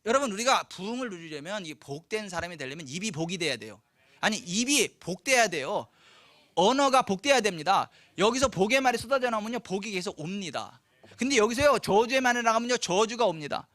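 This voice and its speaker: A man's voice: high-pitched, a little fast, dry recording. A man preaching as pastor, acting out everyday quarrels in little voices and building lists of phrases with rising force in a church. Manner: animated, acts out family quarrels in voices. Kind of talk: sermon. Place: church sanctuary.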